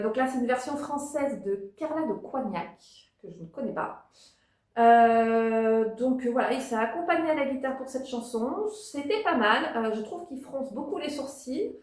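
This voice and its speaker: A woman with a fairly high voice chats casually through her review, full of pauses, fillers and restarts. Her voice carries a noticeable echo from the room. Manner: hesitant, many fillers and restarts. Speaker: vlogger reviewing a TV talent show. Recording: echoey room.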